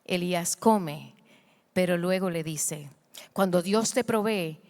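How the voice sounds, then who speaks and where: A woman pastor preaching a sermon with passion, moving between hushed and loud passages, moved by her own words and calling the congregation to repeat after her. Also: on the low side, slow pace, big-room sound.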